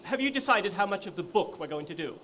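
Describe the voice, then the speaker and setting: A bright, sharp-edged voice of a pompous director, played on stage. He lets people down in flowery, condescending phrases, with a pitch that swoops widely. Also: expressive, fast talker, slight background noise. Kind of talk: stage play acting.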